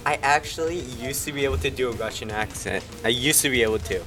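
A man's voice: mid-range voice, fast, music in the background. Young man with dry comebacks. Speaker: podcast co-host. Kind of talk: casual podcast banter.

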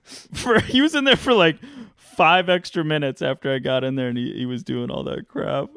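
A man co-hosting a podcast, telling a funny story in a casual, animated way with lots of laughter. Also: medium pitch, normal speed, vocal fry, clear, resonant tone, dry recording, studio quality. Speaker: podcast co-host.

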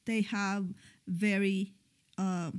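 Middle-aged woman, podcast co-host, unhurried, hesitant pauses, soft-spoken casual chat. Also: mid-range voice, level tone, clean tone.

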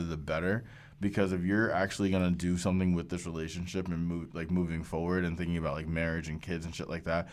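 A man co-hosting a casual podcast, loud and joking, swearing freely. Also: low voice. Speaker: podcast co-host.

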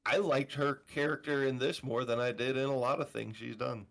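A man's voice: mid-range voice, steady tone, a little fast, vocal fry, a bit bright. Man recapping a movie plot casually. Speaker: podcast co-host. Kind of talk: casual movie review chat.

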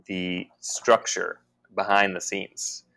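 A man co-hosting a podcast, talking in a halting, musing way with many restarts. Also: deep voice, flat delivery, gravelly, sharp tone. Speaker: podcast co-host. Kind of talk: casual spiritual conversation.

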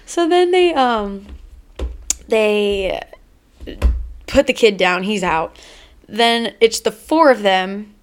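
A woman in casual podcast chat, rambling happily through a plot summary. She keeps dropping into the characters' quoted lines. Her pitch sits in the middle. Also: animated, slow pace, long pauses. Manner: rambling retelling, acting out quotes. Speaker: podcast co-host.

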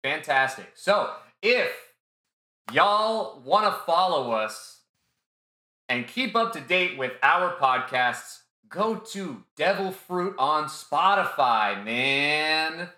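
A man rambles loudly through casual podcast chat, swearing now and then and circling back on his words. His voice is bright and forceful with a slightly raised pitch. The room around him is noticeably echoey. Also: lively intonation, takes it slowly. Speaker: podcast co-host.

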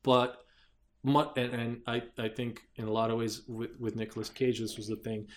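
Male podcast co-host, mid-pitched, meandering storyteller who restarts sentences often. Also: flat delivery, moderate pace. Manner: rambling, hesitant, lots of fillers and restarts. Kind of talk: casual chat.

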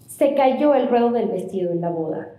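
A young woman tells her story in an animated, theatrical way, slipping into the voices of the people she quotes. Her voice sits a little high and sounds mellow and dark. It carries the echo of a roomy space. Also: normal speed. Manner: animated, acts out quoted voices, laughs often. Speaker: interview guest. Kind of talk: casual storytelling interview. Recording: echoey room.

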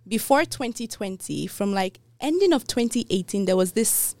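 A woman's voice: mid-range voice, animated, moderate pace, a little mellow, no room sound. A young woman from Nigeria, a pastor, telling her story as a guest in a casual studio interview. She talks reflectively, with many fillers and restarts. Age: young adult.

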